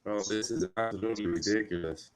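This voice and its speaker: A man's voice: lowish voice, fairly even intonation, quick pace, clean tone. A man co-hosting a live sports talk stream. He chats casually and sounds frustrated, swearing and apologizing.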